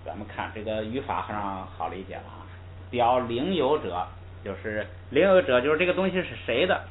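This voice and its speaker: Male teacher, mid-pitched, patient step-by-step explainer; thin, lo-fi recording with faint background hiss. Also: animated, moderate pace. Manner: patient, explains step by step and drills pronunciation aloud. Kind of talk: classroom language lesson.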